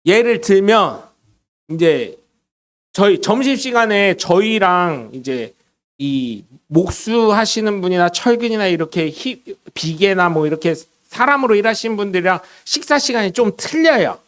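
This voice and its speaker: Middle-aged guy preaching, pretty high voice, goes loud then soft telling stories. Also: measured pace. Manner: lively storytelling, swinging between loud bursts and soft asides. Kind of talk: sermon. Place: church sanctuary.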